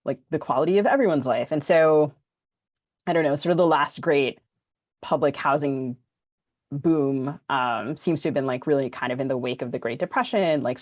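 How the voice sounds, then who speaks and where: An American woman co-hosting a podcast talks informally and discursively, thinking aloud in a casual panel discussion. Her voice is deep at a moderate pace, recorded dry with clean studio sound.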